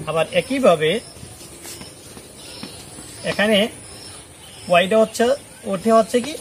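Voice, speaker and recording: A man's voice: sits high, a little hiss or hum. A man teaching English grammar to students, explaining rules step by step and often asking whether they have understood. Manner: checks understanding with repeated questions. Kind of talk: classroom lesson explaining at a board.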